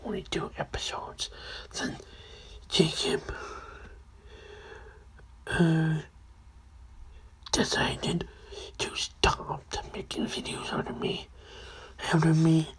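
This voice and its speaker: A man voicing a sinister, creepy hoodie man in a homemade video skit, speaking in a hushed whisper. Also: a little high, level tone, slow, long pauses.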